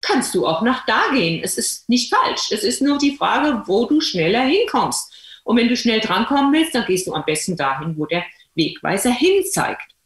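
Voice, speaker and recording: A woman, a doctor, telling patient stories to an audience in a lively, colloquial, emphatic way. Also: a little high, moderate pace, roomy sound. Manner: colloquial, emphatic, addresses listeners directly. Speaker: doctor and speaker. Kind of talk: lively storytelling talk to an audience.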